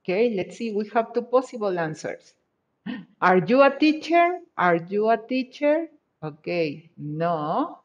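A woman teaching English over a video call, her words coming slowly and patiently as she praises each answer. The audio is muffled and lo-fi, like a laptop mic. Her colors her English. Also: medium pitch, sing-song. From Mexico. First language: Spanish. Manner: patient, encouraging, repeats praise. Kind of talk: online class, checking answers.

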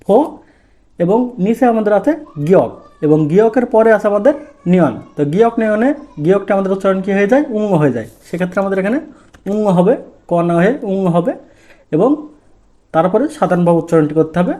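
High-voiced man teaching step by step. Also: animated, dark tone. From Bangladesh. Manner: asks the class questions and answers them himself; drawn-out, deliberate stress on key sounds. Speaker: Korean language teacher. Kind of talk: step-by-step pronunciation lesson.

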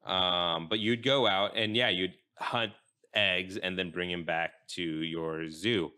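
Deep, slow-talking man hosting a podcast. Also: steady tone, sharp tone. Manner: rambling, halting with many fillers. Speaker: podcast host. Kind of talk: casual podcast chat.

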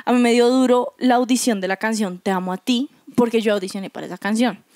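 A young woman talks in a relaxed, storytelling way and acts out what people said. Her voice sits fairly high. The sound is dry and close. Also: fast, no room sound. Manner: chatty storyteller, acts out quoted lines. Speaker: youth church band member. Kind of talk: casual chat.

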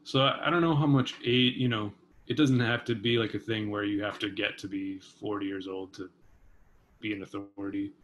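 A man in his thirties, a vibraphonist and composer appearing as a guest, chats casually and thoughtfully from his home kitchen over a video call webcam, hedging with lots of fillers. His voice is lowish, fairly even, and fairly bright at a moderate pace, with a little hiss or hum.

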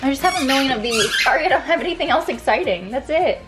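A woman's voice: high voice, expressive, fast, over loud music. A woman chatting casually and bubbly in a haul vlog, rambling a little. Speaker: vlogger, dog owner.

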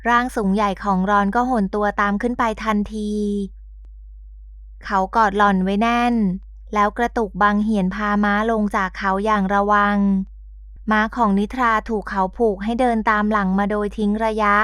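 A woman narrating a romance audio novel in a calm, gentle storytelling manner. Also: mid-range voice, moderate pace, smooth, no room sound, studio quality. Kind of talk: scripted narration.

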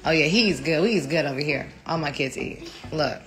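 A woman's voice: deep voice, lively intonation, moderate pace, fairly bright tone, faint music behind. A woman in her thirties chatting casually on a phone livestream from her home kitchen, rambling and laughing easily. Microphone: phone held close.

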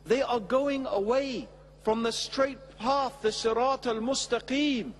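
A middle-aged man giving a measured, emphatic religious lecture at a stand mic on a large studio stage before an audience. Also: extremely high pitch, long reverb tail, a little hiss or hum. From England. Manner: measured, emphatic, with expressive hand gestures. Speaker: Islamic preacher. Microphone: stand mic at a lectern.

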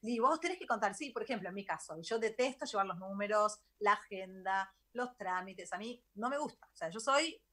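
A middle-aged woman with a Rioplatense Spanish accent, a guest telling her story in a chatty, animated radio interview. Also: medium pitch, normal speed, hardly any pauses. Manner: animated, chatty, laughs easily. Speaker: guest, travel author. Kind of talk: casual interview talk.

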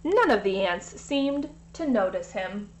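A woman reading a children's story aloud in a gentle way, sometimes speaking directly to the kids. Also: medium pitch, expressive, a little slow.

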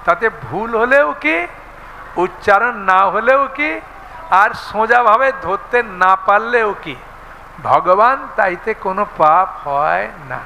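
Bright, slow-speaking male preacher in a hall. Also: high-pitched, lively intonation, a little hiss or hum. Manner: storytelling, asks the audience questions. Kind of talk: devotional lecture.

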